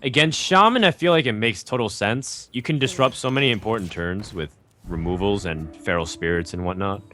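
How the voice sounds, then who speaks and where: A man's voice: fairly low pitch, a little fast, pushed and bright. A man giving live card game commentary, thoughtful and analytical, with frequent ums and likes. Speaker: esports commentator.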